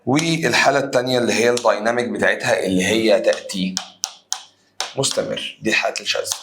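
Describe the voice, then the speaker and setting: Casting: young Egyptian man, English teacher, lively exam review, repeats and drills. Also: fairly low pitch, quick pace, background noise. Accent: Egyptian Arabic. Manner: lively, repeats key terms, drills students to chant along.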